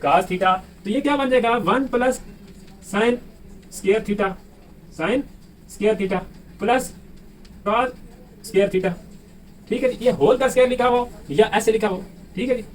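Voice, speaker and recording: A man's voice: high voice, slow pace, pauses often. A man with a Pakistani Urdu accent teaching a math lesson, who keeps asking the class questions and answering them himself. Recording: distant mic with faint room noise.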